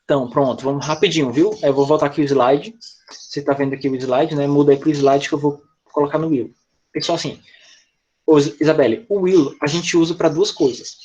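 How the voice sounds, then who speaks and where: Heard through dull audio, a man with a slightly high, warm voice speaks a little fast with fairly even intonation. He's an English teacher with a Brazilian Portuguese accent giving a patient, step-by-step grammar explanation in an online class over video call, often using "tá?" and "né?".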